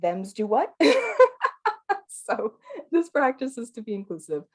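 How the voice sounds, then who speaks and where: A non-binary teacher with a voice that sounds female guides a live qigong class online. The delivery is unhurried and mid-range, calm and soothing, yet chatty, with fillers and gentle laughs.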